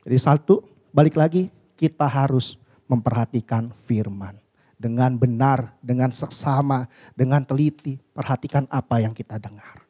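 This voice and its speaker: A man preaching a sermon in a church, constantly addressing the congregation and asking them rhetorical questions, with his voice jumping from loud, high emphasis to low, quiet asides. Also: normal speed. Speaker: pastor.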